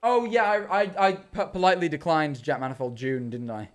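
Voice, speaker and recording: A man's voice: on the high side, brisk. A young man streaming a game, chatting casually, rambling, correcting himself and swearing freely. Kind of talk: casual livestream chat while gaming.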